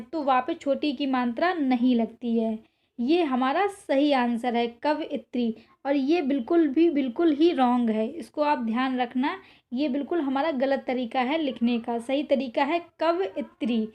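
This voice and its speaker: High-voiced woman teaching spelling. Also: warm tone. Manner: repetitive, drawn-out spelling of words; reminds students again and again. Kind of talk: exam-prep spelling lesson.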